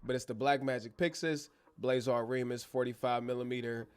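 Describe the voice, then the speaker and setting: A livestream host, American but born in Germany, fields questions from his chat in a loose, joking, slang-filled way from his bedroom studio via a wireless clip-on mic. His medium-pitched voice is steady and clean-toned. He talks fairly quickly.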